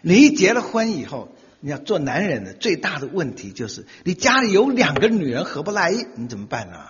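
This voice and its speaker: A man's voice: fairly high pitch, very animated, brisk, husky. A middle-aged man giving a humorous talk to an audience, telling stories animatedly, acting out quoted voices and laughing often. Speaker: speaker giving a talk on marriage. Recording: dull lo-fi sound with long hall reverb.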